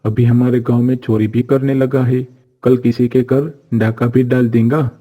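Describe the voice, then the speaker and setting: An actor playing a greedy, short-tempered village juice seller who scolds harshly, in a cartoon story. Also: male voice, mid-range voice, flat delivery, moderate pace, phone-quality sound, close to an everyday voice. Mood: angry. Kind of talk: Hindi cartoon voice acting.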